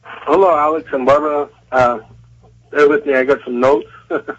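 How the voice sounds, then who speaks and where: A man phones into a talk radio show, his voice thin and tinny through a cell phone. The line sounds dull and lo-fi. He talks haltingly and hesitantly, with lots of fillers. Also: fairly high pitch, fairly even intonation. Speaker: caller.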